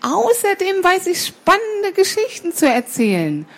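A woman reads a children's story aloud, voicing a sly, sweet-talking female cat who lies, coaxing and purring with meows. Her heavily acted voice is pushed up to an extremely high pitch with huge swings, at a slightly slow pace.

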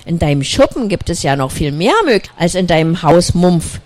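A storyteller voicing an impatient, excitable young female snowy owl in a children's story, with eager exclamations. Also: normal speed, lightly acted. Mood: cheerful. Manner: eager, exclaiming, high and bright. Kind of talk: storybook reading.

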